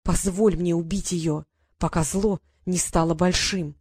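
Woman doing a fairy-hating devoted servant woman, insistent, heated, lowish, dry close sound, audiobook. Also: fairly even intonation, a little slow, darkish tone, husky, no room sound. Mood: insistent, hateful.

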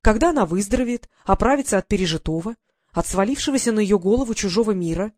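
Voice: medium pitch, animated, darkish tone, no echo, studio quality, close to an everyday voice. A reader doing a haughty noble lord. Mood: calm, haughty. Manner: cold, measured, rising to anger. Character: haughty older male council lord.

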